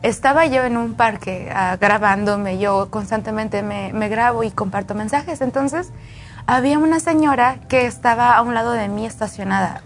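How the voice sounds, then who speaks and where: A woman talking on a radio health program, telling stories in an animated way. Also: on the high side, normal speed, faint music behind. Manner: animated storyteller.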